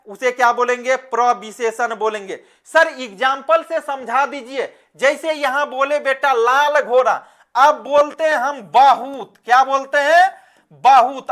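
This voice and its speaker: A man teaching an online class, speaking slowly. He keeps putting questions to his students and then answers them himself, calling them "beta" as he goes. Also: very high-pitched, bright, forceful tone.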